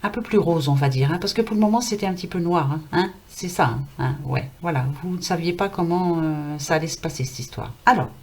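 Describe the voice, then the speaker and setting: This French card reader speaks fairly quickly with few pauses, her lowish voice a little mellow. In a casual tarot reading to camera, she's reassuring and talkative, peppered with fillers, her voice fading through a scratchy throat.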